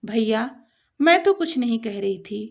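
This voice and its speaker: A woman's voice: on the high side, animated, unhurried, creaky. A woman voicing a scheming young woman who talks sweetly and feigns innocence. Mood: sly.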